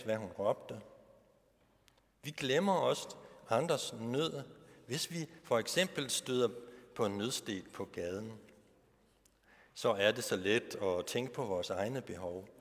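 A man's voice: medium pitch, big-room sound. A male pastor giving a sermon, posing rhetorical questions to the congregation.

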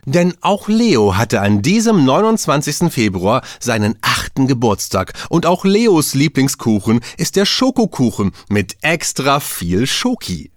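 A man's voice: mid-range voice, very animated, unhurried, hardly any pauses, dry recording, studio quality. A man narrating a children's story, playful and speaking directly to the listener.

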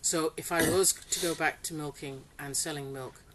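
A chatty middle-aged woman from Singapore, interviewed casually as a farmer, speaks in a deep, fairly bright voice with fairly even intonation at normal speed. She laughs often and hesitates with fillers. The low-quality recording comes from a farm polytunnel, with faint hiss and rain on the tunnel.

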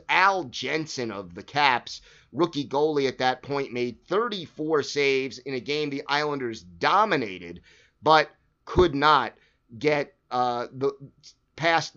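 A man with a slightly high voice hosts a sports history show, walking through old games in a relaxed, conversational way. He reels off scores and stats and often stops on fillers. The recording sounds dull and lo-fi. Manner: conversational, stat-listing, with frequent fillers. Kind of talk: casual narrated game recap.

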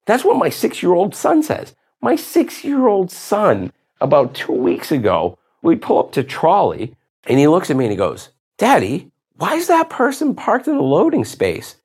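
Man, husky voice, animated pitch, exasperated profane rant, podcast host. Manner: exasperated, profane, rising to outbursts. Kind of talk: ranting monologue.

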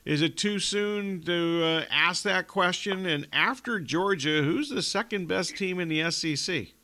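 A man hosting a sports radio show, relaxed and joking about his own slips as he sets up questions. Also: high-pitched, unhurried.

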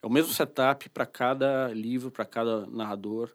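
A man's voice: mid-range voice, steady tone, moderate pace. A man, an audiobook studio director explaining his work in colloquial, casual conversation.

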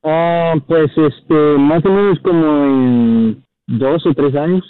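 A Guatemalan-accented man in his early thirties is the caller here, talking casually and with hesitation. His voice is a little high and clean, his pace slow, and while there's no room sound, the phone call comes through tinny and narrow.

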